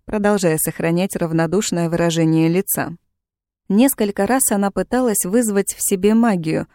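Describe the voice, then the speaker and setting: A woman narrating a fantasy novel in a steady, measured storytelling manner. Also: fairly low pitch, no room sound, studio quality. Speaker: audiobook narrator.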